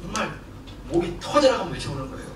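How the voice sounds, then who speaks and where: Male pastor, animated sermon delivery, distant mic in a noisy echoing sanctuary. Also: sits high, fast talker. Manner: animated, laughing and shouting in bursts. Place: church sanctuary. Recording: echoey hall from far off, noisy.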